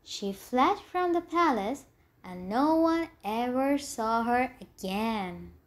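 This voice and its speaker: A woman narrating a fairy tale from a storybook in a slow, deliberate read-aloud style. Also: on the high side, animated.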